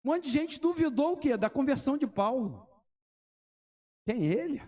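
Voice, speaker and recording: High-voiced Rio-preaching pastor. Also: male voice, lively intonation, moderate pace, darkish tone. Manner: preaching with rhetorical questions and testimony stories. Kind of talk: sermon.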